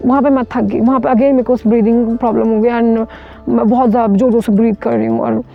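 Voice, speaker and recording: A female mountaineer from India, interviewed as a guest, narrates an ordeal with urgent, vivid storytelling and frequent restarts. She talks quickly in a creaky, somewhat high voice with fairly even intonation. The audio is dull and lo-fi, with faint music.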